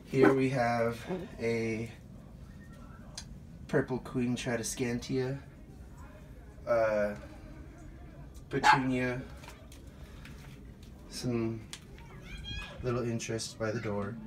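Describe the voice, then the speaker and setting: A gardener gives a casual, unscripted tour of a residential front yard, narrating in a medium-pitched voice as he walks. He holds the phone himself, and the noisy outdoor recording picks up dogs around him.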